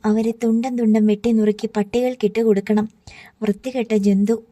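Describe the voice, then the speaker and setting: Lady reading as a hotheaded little sister, snappy, dark even voice, story. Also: on the high side, normal speed, dry recording, natural voice. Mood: scornful. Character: young woman, hot-tempered younger sister.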